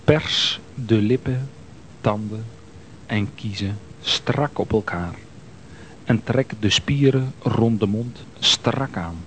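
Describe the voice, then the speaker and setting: A man calmly leading a guided progressive muscle relaxation exercise, giving slow, soothing instructions. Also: fairly low pitch, a little hiss or hum.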